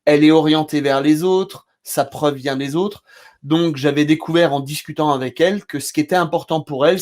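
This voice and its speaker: French male trainer, slightly high voice, animated storyteller in relaxed talk. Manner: animated storyteller, acts out scenes loudly. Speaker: therapy trainer. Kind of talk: casual discussion between therapists.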